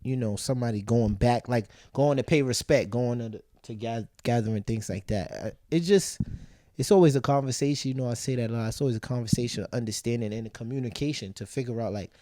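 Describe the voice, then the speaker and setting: Calm reflective man, dry sound. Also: medium pitch, quick pace, no room sound. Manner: reflective, thinks aloud with restarts and "you get what I'm saying". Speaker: podcast co-host. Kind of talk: casual chat.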